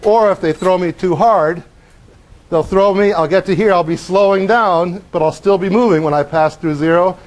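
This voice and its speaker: A middle-aged man teaches in a lecture hall, his voice sitting slightly high for a man. He is animated and acts out the physics with his own body. He breaks off now and then for wry asides and questions to the students. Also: moderate pace. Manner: animated, acts out motion as he explains. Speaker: professor. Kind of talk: university lecture.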